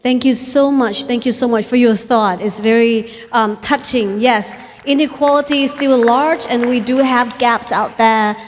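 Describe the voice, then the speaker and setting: A woman in her thirties moderates a panel from a conference stage, speaking into a handheld mic. Her voice is fairly high and polite, with a long hall reverb behind it. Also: unhurried, few pauses. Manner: polite and warm, with um fillers.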